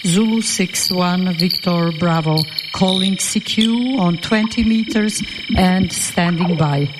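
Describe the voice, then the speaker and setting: A woman's voice: lowish voice, takes it slowly. A woman amateur radio operator calling CQ, repeating her call sign over and over, heard through fading shortwave radio reception. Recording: loud static, long reverb over shortwave.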